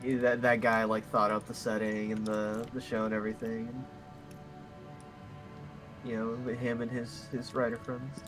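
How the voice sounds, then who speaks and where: A man of middle pitch chats loosely with his fellow tabletop players, circling back over his own words and trading crude, joking insults. Faint music plays softly behind him. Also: level tone, moderate pace, long pauses, rough recording. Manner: rambling, full of restarts and fillers; crude, playful swearing. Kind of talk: casual chat among players on a live stream.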